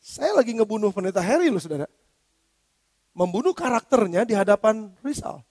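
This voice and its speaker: High-pitched pastor preaching in a hall. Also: male voice, a little fast. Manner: lively preaching, acts out quoted speech in slangy Jakarta style. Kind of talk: sermon. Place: church. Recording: reverberant church hall.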